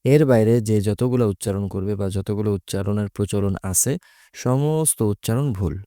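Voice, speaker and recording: Low, dark-voiced man teaching letters. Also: dry recording, clean studio sound. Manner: patient, methodical, repeats letter names with drawn-out sounds. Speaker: Quran recitation teacher. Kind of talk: explaining Arabic letters and pronunciation.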